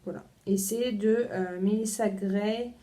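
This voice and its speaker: A woman's voice: medium pitch, fairly even intonation, slow, mellow. A young woman chatting casually as she unboxes a book subscription box, talking to her front-facing camera with many hesitations and repeated words. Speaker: book vlogger.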